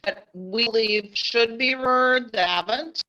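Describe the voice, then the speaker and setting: A woman asking a halting question in a meeting over a video call, her voice muffled and garbled as if she were underwater. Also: a little high, bright, forceful tone. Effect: muffled, garbled sound like talking underwater. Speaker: work group member on a video call. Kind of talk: meeting discussion. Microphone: video call connection. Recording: dull lo-fi video call audio.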